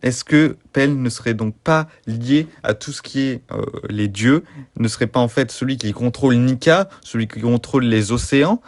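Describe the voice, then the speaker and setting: A man hosting a mock-serious fan theory video, delivering far-fetched analysis deadpan and over-earnest, with frequent hesitations. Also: mid-range voice, moderate pace, no room sound, clean studio sound. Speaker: YouTube host.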